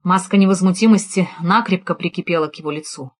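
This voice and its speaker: A woman's voice: lowish voice, quick pace. Woman reading a detective audiobook. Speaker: audiobook reader. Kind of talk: scripted narration.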